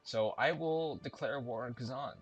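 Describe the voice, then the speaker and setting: The sound is lo-fi as a man with a medium-pitched voice speaks at normal speed. He offers casual let's-play commentary on a strategy game, thinking aloud, chatting, and correcting himself while game music plays and keys clack.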